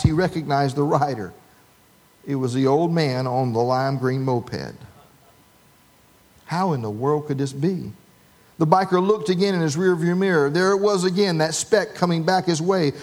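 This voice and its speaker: A man's voice: a little high, darkish tone. A man delivers a sermon in a slightly raised voice. He tells a long humorous story and gives the people in it voices. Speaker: pastor.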